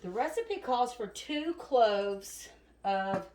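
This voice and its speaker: A woman's voice: a little high, expressive, slow, slight background noise. A woman, chatting to viewers as she demonstrates a recipe in her home kitchen, a bit out of breath. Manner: chatty, talks to viewers as y'all. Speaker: home cooking video host. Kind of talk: casual cooking demonstration. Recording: roomy kitchen with loud clatter. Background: chopping and clattering dishes.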